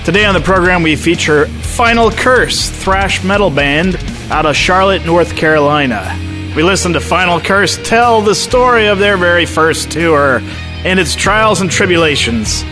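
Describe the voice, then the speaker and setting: High-voiced male radio announcer. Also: lively intonation, moderate pace. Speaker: radio show host. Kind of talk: scripted radio introduction. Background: guitar music.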